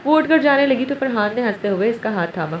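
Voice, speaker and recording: A woman narrator reading a romance novel aloud in a steady storytelling manner. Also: on the high side. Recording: roomy, distant, dull, faint hiss.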